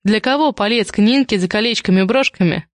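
A woman reading an audiobook and voicing a sharp-tongued, mocking woman who interrogates others. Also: medium pitch, fairly quick, dry recording, natural voice. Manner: snorting, sarcastic, interrogating.

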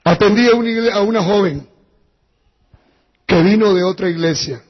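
Male pastor, high and very raspy, preaching through long church reverb. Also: moderate pace, dull audio. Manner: storytelling preacher, dropping to a hushed voice in sad passages. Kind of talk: sermon.

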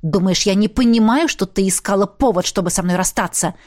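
A woman's voice: mid-range voice, expressive, fairly quick, natural voice. A woman reading as a jealous hot-headed young man. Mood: jealous, angry. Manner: pleading then shouting accusations. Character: jealous hot-tempered young male student.

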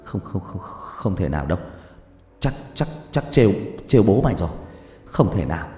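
A man's voice: medium pitch, very animated, normal speed, a little mellow, close to an everyday voice. A man doing an earnest young village man. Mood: shaken. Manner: earnest, stammering. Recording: echoey room with long reverb, faint music.

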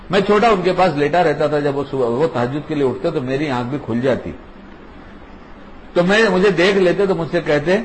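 An older man giving an informal religious talk, in a fairly high voice. He teaches in an emphatic, conversational way. He repeats key phrases over and over. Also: slight background noise, poor audio. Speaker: religious speaker.

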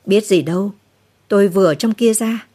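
A woman's voice: mid-range voice, moderate pace, mellow, close to an everyday voice. A woman voicing a weary middle-aged man who speaks politely and awkwardly. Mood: subdued. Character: weary middle-aged male war cameraman.

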